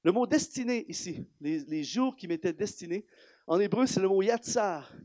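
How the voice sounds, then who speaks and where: A high-voiced man preaching with a Canadian French accent, animated and emphatic, firing off rhetorical questions at his congregation. His voice is recorded close and dry, with little room sound around it. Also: moderate pace, no echo. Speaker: guest preacher. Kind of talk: sermon. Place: church hall.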